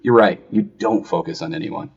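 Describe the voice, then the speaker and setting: A low, husky man hosting a podcast, mocking his critics with heavy sarcasm. The sound is a little dull and lo-fi. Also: fairly quick. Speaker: podcast host. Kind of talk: casual chat.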